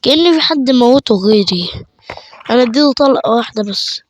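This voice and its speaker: A man with an Egyptian Arabic accent giving chatty let's play commentary, excitable and quick to burst into panicked repeated shouts. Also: very high voice. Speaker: gaming channel host.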